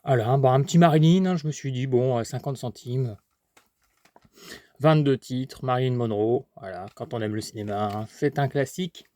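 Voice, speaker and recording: A man's voice: medium pitch, moderate pace, warm tone. A man chatting casually about his haul, rambling with many fillers and restarts while eating. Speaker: collector vlogger.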